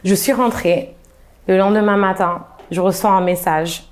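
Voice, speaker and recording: A young adult woman casually telling a personal story to camera, in an animated way that acts out the dialogue. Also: mid-range voice, measured pace.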